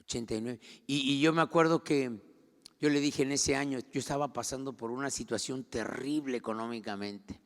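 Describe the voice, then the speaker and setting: Middle-aged Mexican pastor, fervent sermon voice, gravelly and bright, long church-hall reverb. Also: male voice, mid-range voice, moderate pace. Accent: Mexican Spanish. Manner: swings from quiet storytelling to loud shouting.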